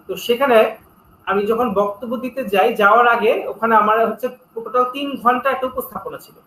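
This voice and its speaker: Bright high-voiced man giving advice. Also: moderate pace, roomy sound, a little hiss or hum, low-quality recording. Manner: earnest, instructive, tells stories. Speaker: guest speaker on public speaking. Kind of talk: interview talk, storytelling.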